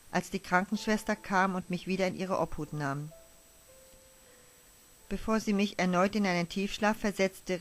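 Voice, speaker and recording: Over faint music, a woman with a medium-pitched voice narrates a first-person audio drama, telling the story in a hushed, wistful way.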